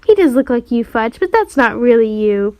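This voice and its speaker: A woman's voice: on the high side, very animated, moderate pace, dry recording, highs cut off. Woman doing a surprised storybook mom.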